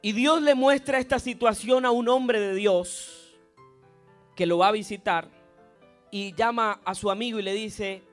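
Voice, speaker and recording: Pastor guy, highish voice, dramatic storytelling sermon, soft music under it. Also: fairly even intonation, unhurried. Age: adult, past university. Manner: dramatic storytelling, building to loud impassioned preaching.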